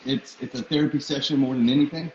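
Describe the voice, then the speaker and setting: A man's voice: medium pitch, fairly even intonation, fast talker, darkish tone. A man hosting a casual interview, asking questions in a conversational way. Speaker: interview host. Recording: muffled, roomy, noisy audio.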